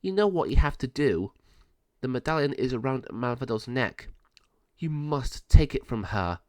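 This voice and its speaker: A man's voice: mid-range voice, lively intonation, normal speed, a little mellow, no room sound, close to an everyday voice. A man voicing an earnest, wise sorceress, a big sister and heroine in a storybook, speaking emphatically. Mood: urgent.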